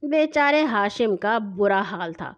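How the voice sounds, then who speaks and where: Woman narrator for kids' audio stories, high, lively voice, lo-fi. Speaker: storyteller. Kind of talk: children's story narration.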